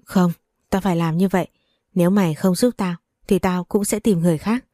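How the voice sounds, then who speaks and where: A woman's voice: on the low side, fairly even intonation, a little fast, dark tone, no echo, studio quality, natural voice. A woman reading the part of a manipulative, vengeful young woman in a spoken story. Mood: bitter, scheming.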